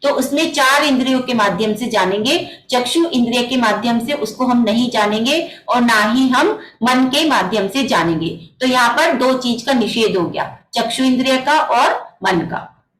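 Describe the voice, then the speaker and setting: A woman with a high voice teaches a scripture class over a video call. She explains each point patiently and keeps asking rhetorical questions. Her voice carries a noticeable echo from the room. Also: normal speed, a bit bright. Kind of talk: online religious text class. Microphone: computer mic on a video call.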